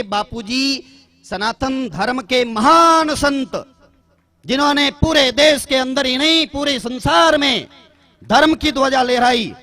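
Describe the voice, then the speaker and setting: Addressing a religious gathering formally, a man with a very high, pushed and bright voice reads a long list of names. His phrasing is slow and repetitive.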